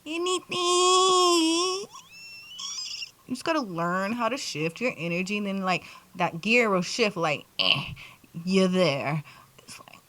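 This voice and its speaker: A young woman rambling casually to her viewers, animated and laughing often, repeating her phrases and calling them y'all. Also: on the low side, normal speed, slight background noise. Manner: southern US slang, talks to viewers as y'all. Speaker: vlogger.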